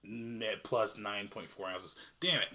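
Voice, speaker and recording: A man's voice: on the low side, slow, crowd noise. A man co-hosting a podcast in casual chat, teasing and laughing. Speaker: podcast co-host.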